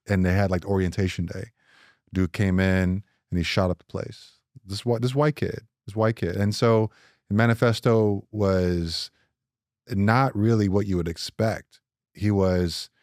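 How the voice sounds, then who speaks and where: A man's voice: low-pitched, no echo, clean studio sound. A middle-aged man from Nigeria, co-hosting a casual podcast and telling personal stories with many restarts and playful jumps in his voice. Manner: animated storytelling, many restarts, voice jumps up when joking. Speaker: podcast co-host.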